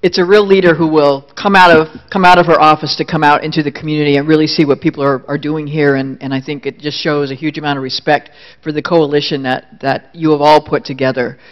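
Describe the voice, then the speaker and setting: Man, higher voice, event emcee, informal halting intros, dull lo-fi sound. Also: little pitch movement. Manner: informal, halting, restarts phrases. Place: conference room with audience.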